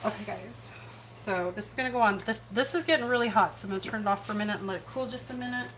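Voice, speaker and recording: Woman, home cooking host; bright, a bit high, rambling and self-deprecating, phone-mic kitchen sound with faint noise. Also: racing, low-quality recording. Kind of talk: casual home cooking livestream.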